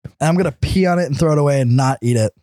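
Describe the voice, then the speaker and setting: A young man co-hosting a podcast in loose, crude banter, his voice sitting a little high for a man. He laughs a lot, swears freely and puts on voices to act out the people in his stories. The mic is close and dry. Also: rapid-fire, dark tone, no echo. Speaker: podcast co-host.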